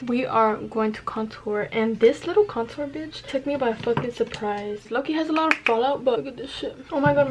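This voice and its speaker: A young woman with a slightly high voice talks casually to her viewers while getting ready. She rambles and wanders off on tangents, slangy and self-deprecating, swearing freely. There is some noise behind her voice. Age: 19, about to turn twenty. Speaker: beauty vlogger. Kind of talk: casual get-ready-with-me chat.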